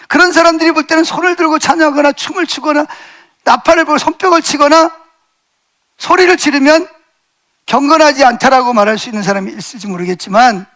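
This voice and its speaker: A middle-aged male pastor preaching a sermon in a church, telling a personal story with vivid re-enactment, shifting between loud exclaims and hushed asides. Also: very high voice. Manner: animated storytelling, shouting re-enacted lines, swings loud to hushed. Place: church sanctuary.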